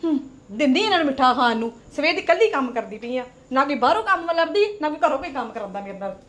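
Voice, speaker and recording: Woman doing a whiny young housewife, very high voice, complaining, theatrical, drama series. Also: big pitch swings, fast, a bit bright. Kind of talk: family drama acting.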